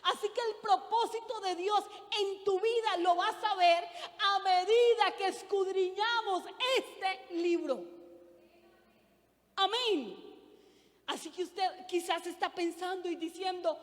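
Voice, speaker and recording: A woman's voice: extremely high pitch, slow, in a large hall. A middle-aged woman preaching a sermon, earnest, putting questions to the congregation. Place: church.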